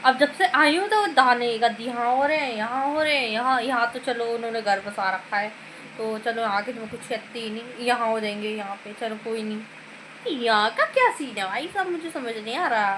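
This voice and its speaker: A woman vlogger chatting to her phone camera in a rambling, casual way. She keeps calling her viewers guys and speaks softly because her mouth is sore. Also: on the high side, moderate pace, a little hiss or hum, rough recording. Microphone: phone camera filming herself.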